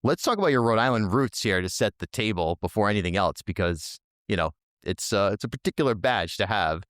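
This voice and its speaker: A man hosting a podcast talks with guests in an easy, conversational way, often repeating words as he restarts a question. His voice is very deep and smooth, close to the microphone in a dry room. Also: expressive, brisk, a bit bright, no room sound. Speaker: podcast host. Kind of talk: podcast interview.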